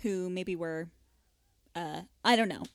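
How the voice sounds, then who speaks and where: A woman's voice: on the low side, slow, no room sound, clean studio sound. A woman co-hosting a podcast in casual chat, talking in a chatty, self-deprecating way and laughing often. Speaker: podcast co-host.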